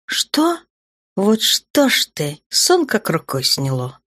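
A woman voicing a spirited grown woman commander and caring mother, with a lively, brisk delivery in an audiobook. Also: mid-range voice, slightly rough, heavily acted. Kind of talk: audiobook character voice.

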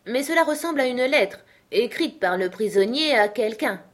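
A woman's voice: a little high, expressive, voice pushed up, natural voice. A woman voicing a fussy, respectful male rabbit courtier in a storybook reading, in a raised, eager voice. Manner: deferential, quick, fussy.

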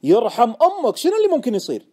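An excitable trader friend, pitched high above the narrator's voice, as a male narrator puts him on. He fires off insistent, disbelieving questions at a quick, lively pace, in a dark, mellow tone. Audiobook storytelling. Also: husky, full character voice. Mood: incredulous, pushy.

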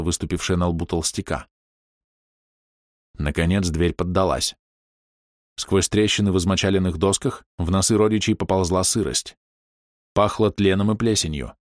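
A man narrating a fantasy audiobook in a steady, even storytelling manner, close to the mic. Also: low voice, no room sound.

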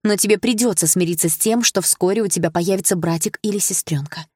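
A woman voicing a worried mother who talks softly and pleads patiently with her daughter. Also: lowish voice, quick pace, husky, no echo, clean studio sound. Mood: soft pleading. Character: worried mother, gentle and defensive.

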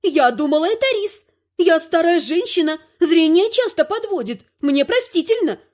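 A high, shrill old grandmother, as a woman reader puts her on, indignant and lecturing. She scolds theatrically and never lets anyone get a word in. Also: animated, normal speed, a little mellow. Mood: indignant scolding. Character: haughty scolding old grandmother, sharp-tongued.

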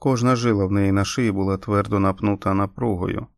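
A man narrating an audiobook in a steady, measured reading. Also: on the low side, vocal fry, dry recording, clean studio sound. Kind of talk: scripted narration.

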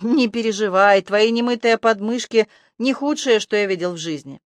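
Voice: medium pitch, normal speed, no echo, lightly acted. A narrator doing a snide male talking rat. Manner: snide, mocking, needling. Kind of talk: audiobook character voice.

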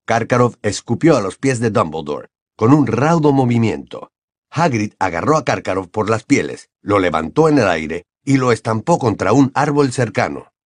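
A man reads a storybook aloud, his low voice rising and falling with animation. The sound is close and dry. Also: moderate pace, no echo. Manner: expressive storytelling. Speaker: narrator. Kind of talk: audiobook narration.

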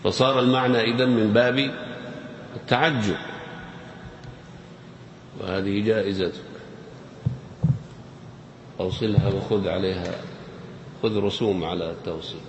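A man's voice: lowish voice, steady tone, moderate pace, long pauses. A man teaching a grammar lesson, quizzing his audience in a playful, teasing way. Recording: echoey hall with faint noise.

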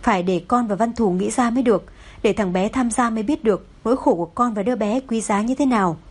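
A gentle older mother-in-law, as a woman reads her lines, speaking softly with a slightly high, breathy tone. She can turn dry and scolding toward her son. Audiobook storytelling. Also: fast. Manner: soft-spoken, scolds dryly.

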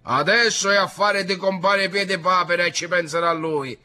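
A man's voice: sits high, steady tone, normal speed, sharp tone, pitched above the performer's own voice. Man voicing a shrugging, dismissive old villager. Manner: offhand, dismissive.

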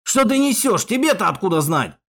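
A man doing a shouty hothead youth. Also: high-pitched, big pitch swings, a little fast, pitched above the performer's own voice, full character voice. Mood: suspicious. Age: young adult. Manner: loud, shouting, belligerent. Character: hot-headed young male Komsomol leader, quarrelsome.

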